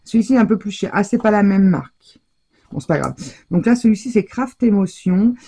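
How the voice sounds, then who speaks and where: A middle-aged woman presenting her craft shopping haul in a casual, chatty way, hesitating often and filling pauses as she goes. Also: mid-range voice, expressive, mellow, slightly rough. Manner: chatty, hesitant, full of fillers and self-corrections.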